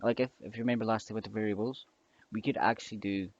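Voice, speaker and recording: A man's voice: on the low side, fairly even intonation, fast talker, dry recording. A young man giving a casual coding tutorial, hesitant and rambling with many fillers and restarts, over keyboard clicks. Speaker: scripting tutor. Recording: dull lo-fi mic with keyboard clicks. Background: typing and mouse clicks.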